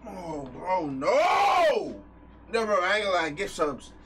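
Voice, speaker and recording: A man streaming live from home, talking loudly and crudely to his chat with lots of swearing. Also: high-pitched, moderate pace, background noise. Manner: loud, crude and profane, reacting to chat. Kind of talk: casual live stream talk.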